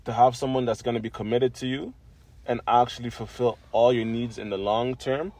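A man's voice: medium pitch, fairly even intonation, brisk, darkish tone. A young man co-hosting a podcast, giving blunt, joking opinions with slang in casual chat. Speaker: podcast co-host.

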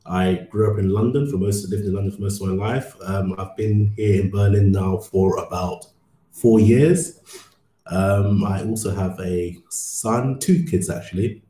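Low-voiced man from Ghana, echoey room. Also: unhurried, dark tone. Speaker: podcast guest. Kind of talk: casual self-introduction.

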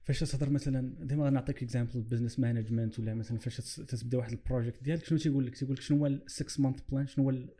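A man with a Moroccan Arabic accent reflects on religion in conversation, illustrating his points with examples and mixing in English phrases. His medium-pitched voice has a steady, dark tone, and he talks very fast with few pauses.

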